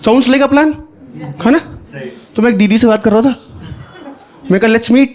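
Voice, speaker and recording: A young man doing stand-up comedy, telling an animated, conversational story with asides to the audience on a stage. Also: very high-pitched, a little slow. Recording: live show with crowd laughing. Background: audience laughter.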